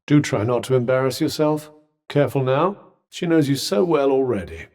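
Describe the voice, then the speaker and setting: A man's voice: mid-range voice, lively intonation, moderate pace, darkish tone, natural voice. A British man voicing a haughty, disembodied magic cuff, a pompous, dry and sarcastic video game companion who speaks eloquently. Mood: sardonic. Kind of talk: scripted video game voice lines.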